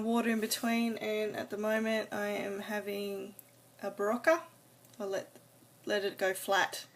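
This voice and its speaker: An adult woman talking casually to camera in a personal vlog, rambling a little hesitantly and trailing off. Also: mid-range voice. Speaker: vlogger. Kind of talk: casual personal video diary.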